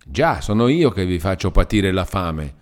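A man's voice: sits low, sing-song, normal speed. A brusque, grumbling uncle snaps and complains in a raised, clipped voice, full of bitter sarcasm, as a male narrator puts him on. His delivery is curt and prickly. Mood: bitter, sarcastic. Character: gruff, sarcastic, grumbling middle-aged uncle. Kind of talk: audiobook character reading.

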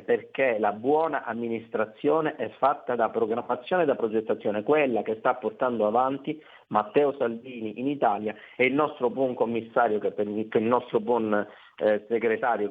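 Phone guest: a man from Palermo with an ordinary-pitched voice, heard over a thin phone line, making emphatic political points. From Palermo, Sicily. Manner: emphatic, speech-like campaigning. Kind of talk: radio interview by phone.

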